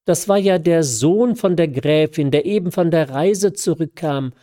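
A cheerful, tender young woman chats in a raised, lilting tone, put on by a male reader. The voice stays mellow and soft underneath, with a slight scratchiness in the throat. It is a storybook reading voice. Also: on the high side, measured pace, voice pushed up, lightly acted.

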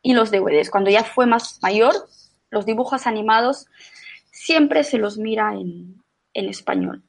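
Her mid-range voice is gravelly and sing-song, and she takes her time. She's a middle-aged woman from Menorca chatting casually as a podcast guest, using lots of fillers and often restarting what she says.

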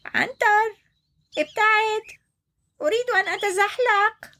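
A woman's voice: very high voice, measured pace, bright, forceful tone, pitched above the performer's own voice, exaggerated voice. A woman voicing a small young turtle in a children's storybook, speaking firmly and fairly.

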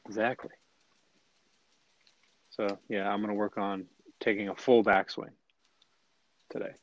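A man's voice: fairly low pitch, level tone, unhurried, no room sound, low-quality recording. A man co-hosting a podcast in casual chat, often stumbling and repeating words as he starts a sentence. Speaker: podcast co-host.

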